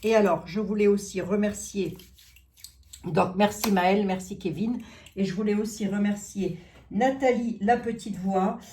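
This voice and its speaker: A woman's voice: medium pitch, steady tone, moderate pace, dark tone, a little hiss or hum. A middle-aged woman chatting casually to her viewers as she unboxes gifts, thinking aloud with many fillers and repeated words. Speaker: psychic channel host opening gifts.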